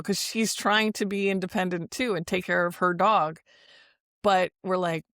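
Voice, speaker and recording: A woman's voice: mid-range voice, a bit bright, no room sound. Wisconsin woman, casual co-host, finishes sentences, dry close sound. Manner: talkative, finishes partner's sentences. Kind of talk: casual chat.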